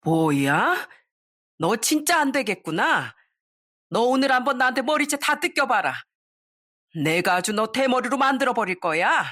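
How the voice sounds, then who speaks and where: A woman voicing a domineering older mother-in-law who yells and scolds in a raised, high voice. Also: big pitch swings, measured pace, full character voice. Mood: furious. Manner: yelling, scolding.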